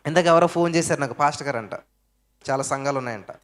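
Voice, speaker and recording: A man preaching a sermon, firing off rhetorical questions and answering them himself, with emphatic swings between loud stresses and low asides. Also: fast talker.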